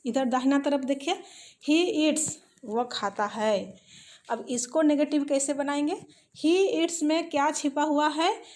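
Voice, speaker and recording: Slow, high-voiced woman teaching grammar. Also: a little mellow. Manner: patient, spells out examples slowly word by word. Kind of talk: slow explanatory lesson.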